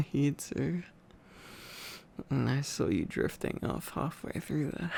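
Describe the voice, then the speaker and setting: Tired and affectionate, a sleepy man reads in an intimate ASMR boyfriend style, slipping in playful asides for his listener. The voice is a little high and gravelly, with a darkish tone.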